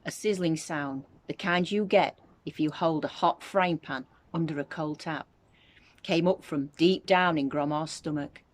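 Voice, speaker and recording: A woman reading a children's story aloud as a teacher would, with expressive narration. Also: sits low, a little slow.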